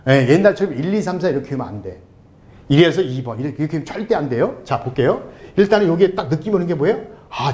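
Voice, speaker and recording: A man's voice: fairly high pitch, darkish tone. A middle-aged man giving a casual, joking tutoring lesson over a screen recording, talking straight to his viewers. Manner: playful, joking, talks to viewers directly. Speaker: online tutor.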